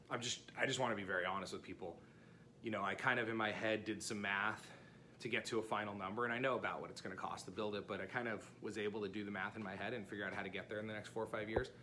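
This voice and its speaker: Man, 30s, casual vlog to camera, candid, thinking aloud, bright tone, home garage, faint background hum. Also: fairly low pitch. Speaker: vlogger building a kit airplane. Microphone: handheld phone camera at arm's length.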